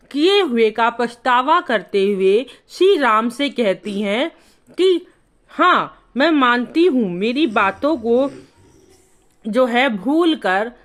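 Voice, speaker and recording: A woman's voice: a little high, fairly bright tone. A woman teacher explaining a Hindi poem, reciting each verse line and then paraphrasing it in plain words.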